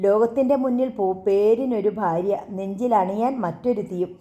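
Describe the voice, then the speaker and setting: A woman's voice: mid-range voice, normal speed, warm tone, roomy sound, lo-fi sound, close to an everyday voice. A woman voicing a bitter, wounded husband who speaks with sarcastic reproach, in a storybook reading.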